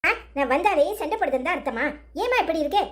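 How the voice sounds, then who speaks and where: A woman's voice: high-pitched, animated, fast talker. A woman voicing an impatient grown daughter snapping back at her mother in a cartoon story. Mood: irritated. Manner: snappy, defensive.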